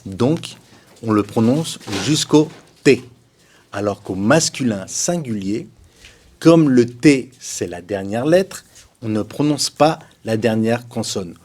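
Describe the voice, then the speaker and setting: A man teaching French colors, repeating each word slowly for pronunciation and adding chatty, shrugging asides about the rules. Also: mid-range voice, expressive, a little mellow. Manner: repeats words for pronunciation drills, patient. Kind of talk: slow, deliberate language lesson.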